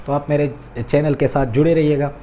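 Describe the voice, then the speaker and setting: A man's voice: fairly high pitch, level tone, dark tone, a little hiss or hum. A man teaching an Urdu class, explaining vocabulary and repeating words to correct their pronunciation, addressing listeners politely. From Pakistan. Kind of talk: lecture on vocabulary and grammar.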